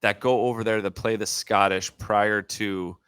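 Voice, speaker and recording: Low-voiced chatty golf show co-host. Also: male voice, fairly even intonation, unhurried, fairly bright tone, clean tone, no echo, clean studio sound. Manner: chatty, self-correcting, jokes about his own radio DJ voice. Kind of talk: casual chat.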